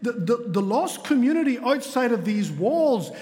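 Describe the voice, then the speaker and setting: A man's voice: very high-pitched, very animated, moderate pace, a little mellow. A middle-aged man, preaching a sermon with earnest storytelling and light humor. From Spain. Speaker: pastor. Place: church sanctuary. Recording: long hall reverb in a church.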